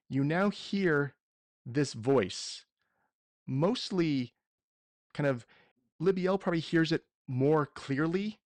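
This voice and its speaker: A man's voice: a little high, no echo. A man running a tabletop roleplaying game as game master, explaining rules and narrating what happens.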